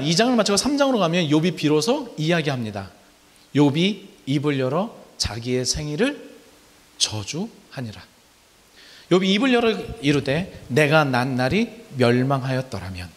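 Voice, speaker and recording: A male pastor delivers a sermon in a church sanctuary, his slightly high voice rising and falling with animated pitch. He explains as he goes and keeps asking the congregation rhetorical questions. The recording carries a long reverb from the church hall.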